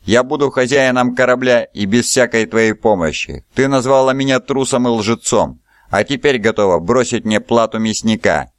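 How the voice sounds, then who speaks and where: A man voicing a defiant, calculating young man held as a slave, calm and mocking. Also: medium pitch, moderate pace, clear, resonant tone, dry recording, clean studio sound, natural voice.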